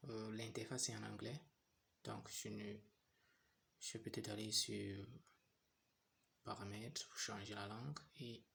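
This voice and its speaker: A young man explains an app setup one step at a time, pausing and repeating phrases as he goes. His voice sits low and gravelly, with a flat, even delivery. A faint noise hums under the recording. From Cameroon. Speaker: tutorial host. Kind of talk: screen-recorded phone app tutorial.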